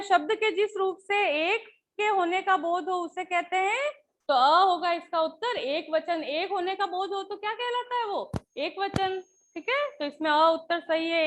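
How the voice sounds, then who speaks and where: Very high-voiced woman teacher explaining grammar. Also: fairly bright tone, slight background noise. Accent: Hindi. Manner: patient, explanatory, often checks with "है ना", "ठीक है". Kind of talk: Hindi grammar lesson.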